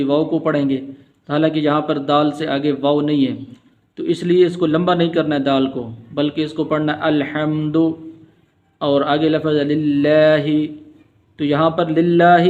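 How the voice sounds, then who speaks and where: A man's voice: on the high side, darkish tone, dull audio. A man teaching Quran recitation rules in a patient, repetitive lesson. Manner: patient, repetitive explaining, slow drawn-out chanting of verses. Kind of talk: Urdu-language tajweed lesson with chanted recitation.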